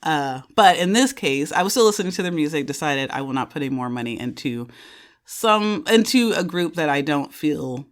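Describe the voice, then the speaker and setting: A woman's voice: deep voice, animated, moderate pace. A woman in her thirties, a podcast host sitting in as the guest, chatting casually and rambling, correcting herself and laughing often.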